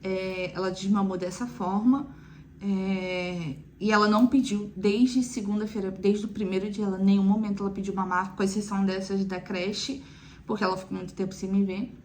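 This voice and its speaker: Young mom for a casual vlog: chatty, mid-range voice, slight room noise. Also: female voice, medium pitch, little pitch movement, moderate pace, a little mellow. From Brazil. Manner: chatty, frequent "né" asides. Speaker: mother telling her weaning story. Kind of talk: casual chat to viewers.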